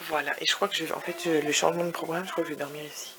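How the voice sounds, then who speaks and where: A woman's voice: low-pitched, little pitch movement, rapid-fire, crowd noise. A woman vlogging from her hotel room in a chatty, rambling way, scattering English words through her talk and sometimes dropping to a whisper. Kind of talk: casual vlog chat.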